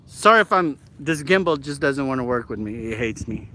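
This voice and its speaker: A middle-aged Alaskan man hosts a casual live-stream vlog outdoors, filmed on a handheld camera. He's excitable and chatty, packing his talk with fillers, and speaks briskly at a medium pitch.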